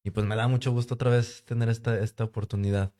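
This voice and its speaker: A man, a podcast guest, talking in a relaxed, reflective way. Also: medium pitch, fast. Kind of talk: casual podcast conversation.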